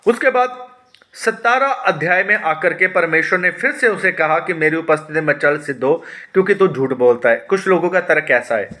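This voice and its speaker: A pastor leads a Bible study in a fairly high, bright and forceful voice. He reads verses aloud and explains them, pausing on hesitation sounds. He asks questions and answers them himself, and often addresses his listeners as his dear ones. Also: expressive.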